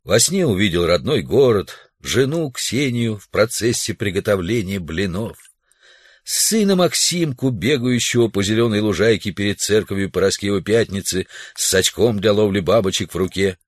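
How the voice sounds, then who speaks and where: A man narrates an audiobook in a low voice with a lot of rise and fall. The recording is close and dry, with no room sound. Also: lively intonation, moderate pace, breathy edge, dry recording. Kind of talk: audiobook reading of a sci-fi story.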